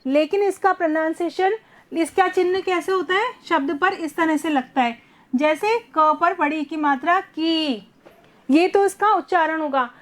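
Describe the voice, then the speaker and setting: Woman teacher, very high voice, patient, slow repeated words, online class. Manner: patient, repeats words slowly for young children. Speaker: primary school teacher.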